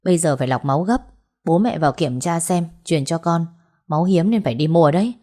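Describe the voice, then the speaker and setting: A woman reading the part of a hospital doctor who speaks briskly and matter-of-factly. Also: mid-range voice, lively intonation, warm tone, natural voice.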